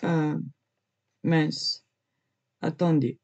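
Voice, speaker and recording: Her voice sits low with fairly even intonation, extremely slow and a little mellow. She's an amateur artist casually presenting a drawing, full of hesitation and filler words like "euh" and "voilà," and she easily coughs or chokes while talking.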